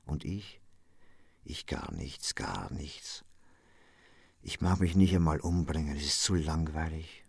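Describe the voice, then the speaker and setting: A man voicing a tormented young male poet in a radio reading, his speech broken and halting, often sinking to a hush. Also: a bass voice, fairly even intonation, breathy edge, no echo. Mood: weary.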